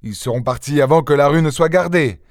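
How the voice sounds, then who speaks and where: A man voicing an anxious but authoritative police chief who speaks in a measured, commanding way, for an audiobook. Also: fairly high pitch, no echo, studio quality, natural voice. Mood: firm. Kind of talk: audiobook character voice.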